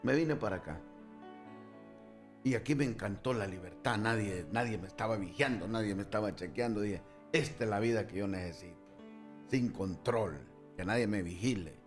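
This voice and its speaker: A man from Honduras, a guest pastor, telling his personal testimony in an interview, relaxed and storytelling with asides. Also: fairly low pitch, normal speed, faint music behind.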